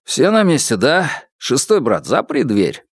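A man's voice: medium pitch, huge pitch swings, measured pace, creaky, breathy edge, dry recording, clean studio sound, voice pushed up, exaggerated voice. A man voicing a bossy, jokey eldest roommate.

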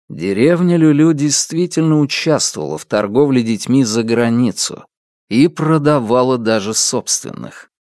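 A man reading a novel aloud as audiobook narrator, measured and unhurried. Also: medium pitch, a little mellow, no room sound, studio quality. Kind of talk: scripted narration.

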